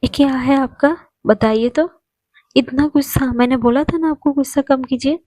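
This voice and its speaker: A woman doing a high-voiced gentle young woman. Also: moderate pace, no echo, close to an everyday voice. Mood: scolding. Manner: pleading, higher pitched. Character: gentle, naive young woman, pleading and caring.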